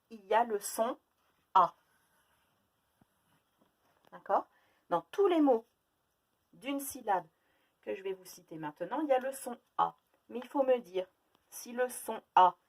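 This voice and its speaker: A woman with a fairly high, slightly mellow voice teaches young children phonics. She speaks slowly and clearly, separating each sound and stressing the key words.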